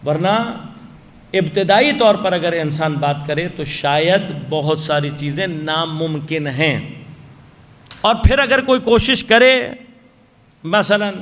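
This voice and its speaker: A man giving a measured religious lecture in a mosque, explaining his point and asking the audience rhetorical questions. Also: high voice, a bit bright. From Pakistan. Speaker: Shia cleric giving a majlis sermon. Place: large mosque hall. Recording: long hall reverb from a mosque PA. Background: long reverb.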